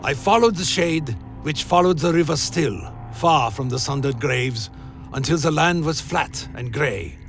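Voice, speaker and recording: Male storyteller, solemn dark fantasy narration, gravelly edge, faint musical bed. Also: a little high, animated, a little slow, faint music behind.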